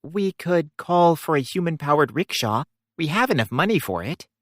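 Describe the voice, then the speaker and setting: A woman's voice: low voice, very animated, normal speed, no room sound, studio quality. A woman voicing an earnest young heroine who loves fishing and talks in a matter-of-fact way. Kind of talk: audiobook character voicing.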